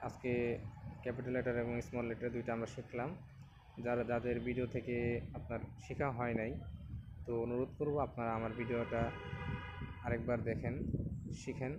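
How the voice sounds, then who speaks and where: A man teaching a beginners' reading lesson, patiently explaining and repeating each letter slowly for learners to copy. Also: mid-range voice, background noise. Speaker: Quran teacher.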